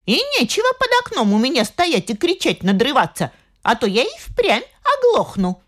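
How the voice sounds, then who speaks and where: A woman's voice: fairly high pitch, big pitch swings, moderate pace. Feisty tiny old granny, as a woman puts her on. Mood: indignant. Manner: indignant, scolding, drawn out. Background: faint music.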